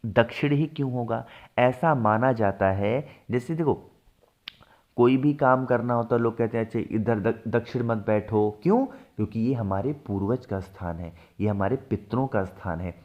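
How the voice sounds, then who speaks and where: A man's voice: medium pitch, muffled recording. Hindi-speaking man teaching rituals. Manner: asks and answers his own questions; slows down to stress steps. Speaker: religious ritual instructor. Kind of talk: devotional how-to teaching.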